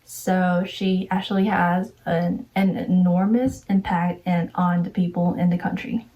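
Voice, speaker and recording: A woman from Taiwan presents her slides in an earnest, step-by-step way. Her voice is dark and mellow. She sits a little back from the microphone. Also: fairly low pitch, flat delivery, unhurried, recorded from a distance, rough recording.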